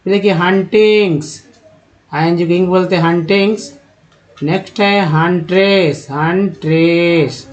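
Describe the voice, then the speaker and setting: A man teaching English reading, slowly sounding out words and spellings one by one for his students. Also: high-pitched, steady tone. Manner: slow, drawn-out word-by-word pronunciation drills. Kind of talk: spelling and pronunciation lesson. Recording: dull lo-fi audio.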